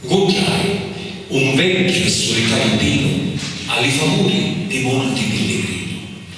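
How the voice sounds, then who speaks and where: A man with a Sicilian accent recites religious dialect poetry in a solemn, declamatory manner with deliberate phrasing. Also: medium pitch, sing-song, fairly bright tone. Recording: distant mic in echoey hall, faint noise.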